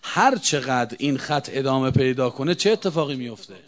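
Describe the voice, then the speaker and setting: A man giving a religious talk to a gathering, rhetorical and insistent, moving between loud emphatic bursts and quiet low asides. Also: expressive. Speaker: religious eulogist speaking on mourning rites.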